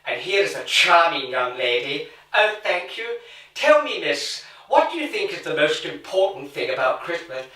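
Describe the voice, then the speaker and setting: A man's voice: fairly high pitch, big pitch swings, moderate pace, pushed and bright. A man doing a cheeky English comic presenter. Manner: dry, knowing comic delivery. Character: wry middle-aged male comic presenter, cheeky. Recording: roomy echo, distant mic.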